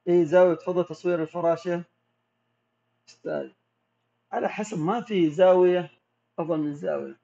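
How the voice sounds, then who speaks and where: A man with a Gulf Arabic accent, a macro photographer who answers viewer questions in a relaxed, explanatory way during a casual live Q&A. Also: high-pitched, a little fast, vocal fry, pauses often. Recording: dull lo-fi audio.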